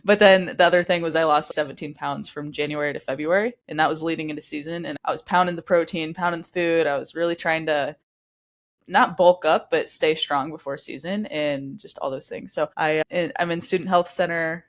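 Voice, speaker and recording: A woman's voice: deep voice, steady tone. A young woman in her twenties, a podcast guest telling a long personal story in a casual, chatty way. She sounds a little stuffy from allergies. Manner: chatty, quick, with frequent likes and restarts.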